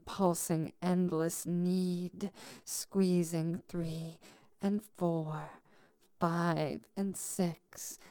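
A woman giving slow, soft, repetitive hypnotic narration close to the mic, counting steadily. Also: lowish voice, clean tone, no echo. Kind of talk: scripted erotic hypnosis narration.

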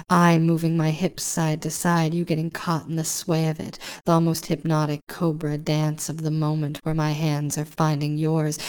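Low-pitched woman for intimate guided hypnosis; slow, soft, soothing delivery. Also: smooth. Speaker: hypnosis narrator.

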